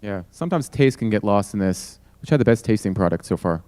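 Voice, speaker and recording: A man with a low voice hosts a live judging panel. His sound is clean and dry, and he steers with questions to the panelists. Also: lively intonation, a little fast, mellow, clear, resonant tone, no echo. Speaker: host moderating a judging panel. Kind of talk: panel moderation at a live event.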